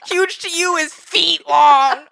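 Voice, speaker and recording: A woman co-hosting a casual podcast, animated and exasperated, swearing freely. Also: very high voice, slow, creaky, no room sound. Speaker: podcast co-host. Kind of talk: casual chat.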